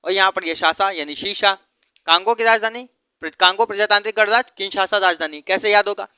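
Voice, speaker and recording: A man's voice: sits high, a little fast, sharp tone, smooth, no room sound. A man teaching geography through memory tricks, asking questions and then answering them himself. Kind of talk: mnemonic geography lesson.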